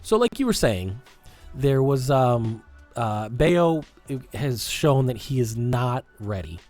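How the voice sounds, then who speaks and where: A young man from Massachusetts with a Massachusetts accent, co-hosting a podcast in casual chat, rambling and animated with frequent restarts. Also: mid-range voice, takes it slowly, soft background music. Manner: rambling, animated, self-interrupting. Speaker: podcast co-host.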